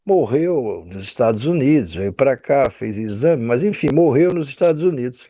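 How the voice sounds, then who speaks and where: A man's voice: mid-range voice, expressive, normal speed, mellow. A Brazilian man hosting a casual political discussion, stammering and circling back on his words. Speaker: talk show host.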